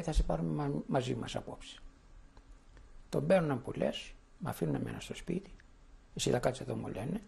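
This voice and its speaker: Older man with a gravelly voice. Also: on the high side, a little mellow, a little hiss or hum. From Thessaloniki, Greece. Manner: vivid storyteller acting out quoted voices. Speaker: interviewee giving testimony. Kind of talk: spoken memoir testimony.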